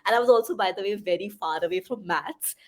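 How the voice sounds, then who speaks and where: A young adult woman talks fast in a mid-range voice, with slight background noise. Originally a Hindi speaker, she has an Indian English accent and, as a podcast guest in a conversational interview, thoughtfully describes her path with many fillers and side remarks.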